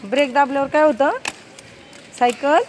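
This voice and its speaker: A woman's voice: high-pitched, moderate pace, a little hiss or hum. A young adult woman vlogging outdoors, giving a child firm, repeated instructions on riding a bicycle. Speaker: vlogger and mother. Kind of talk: casual family vlog, teaching a child to cycle. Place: outdoors in a housing complex near underground parking.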